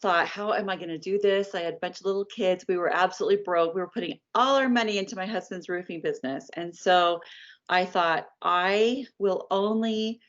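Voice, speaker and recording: A woman in her fifties tells her story in an interview with animated, chatty energy. Her voice sits slightly low. The recording is dull and lo-fi. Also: a little fast. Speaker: licensed artist, guest. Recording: dull lo-fi sound.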